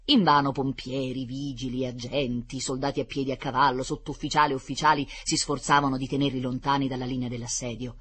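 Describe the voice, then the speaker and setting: A storyteller reading a children's book aloud, animated and adding playful asides. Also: medium pitch, a little fast, hardly any pauses, breathy edge.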